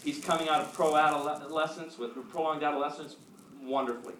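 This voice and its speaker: Male pastor, middle-aged, sermon, lively storytelling, slightly high voice, echoey church, heard from a distance. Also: a little fast. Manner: animated storytelling, acts out quotes. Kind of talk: sermon with personal stories. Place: church sanctuary. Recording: echoey hall, mic at a distance, audience noise.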